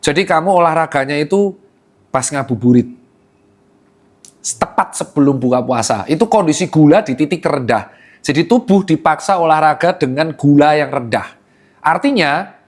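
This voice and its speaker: A man's voice: fairly high pitch, animated, normal speed. A young man, a doctor hosting a casual health Q&A, explaining with jokes and teasing asides.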